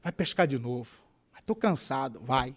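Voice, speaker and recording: A male pastor with a Mato Grosso Brazilian Portuguese accent preaching a sermon, questioning the congregation and acting out voices of people in tearful, high tones. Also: big pitch swings, normal speed, gravelly, a little hiss or hum.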